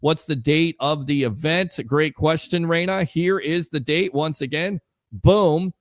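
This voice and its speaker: A man hosting a live sports talk stream, reading out chat comments and giving energetic shout-outs. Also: fairly high pitch, unhurried, dry recording, clean studio sound. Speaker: livestream sports show host.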